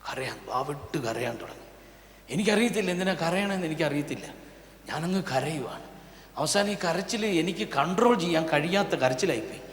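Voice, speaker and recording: A male pastor, preaching a sermon and swinging from quiet asides to loud, impassioned calls. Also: on the high side, expressive, brisk. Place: church prayer hall. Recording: echoey church hall, long reverb.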